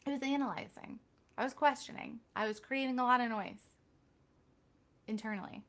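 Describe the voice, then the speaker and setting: A woman's voice: fairly high pitch, a bit bright. A woman hosting a casual live Q&A stream, talking candidly with chatty, self-deprecating asides. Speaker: reiki healer hosting a live Q&A.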